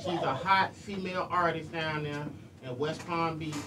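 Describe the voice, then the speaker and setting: Speaking at a moderate pace in a fairly high voice, this middle-aged radio host chats earnestly and colloquially on a casual live show, giving shout-outs and repeating himself. The setting is a small indoor studio, and the noisy recording comes from a distant room microphone.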